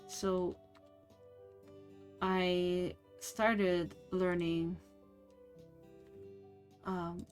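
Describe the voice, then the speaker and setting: A woman's voice: fairly low pitch, little pitch movement, a little mellow, soft background music. A young woman whose first language is French, chatting casually and rambling with fillers while she streams a game. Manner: slow, rambling, many fillers and restarts.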